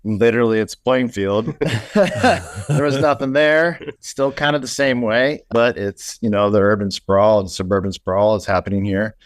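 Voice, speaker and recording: A man, an audio engineer chatting as an interview guest in a relaxed, rambling way. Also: on the low side, measured pace, no room sound, clean studio sound. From Indiana. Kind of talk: casual interview chat.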